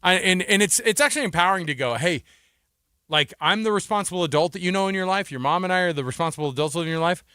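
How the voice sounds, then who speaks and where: A male radio host with a bright, forceful voice and a slightly raised pitch, chatting about everyday life. He is animated and keeps sliding into quick impressions as he tells anecdotes. The sound is close and dry, straight from a studio mic. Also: clean tone, dry recording. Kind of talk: casual radio chat.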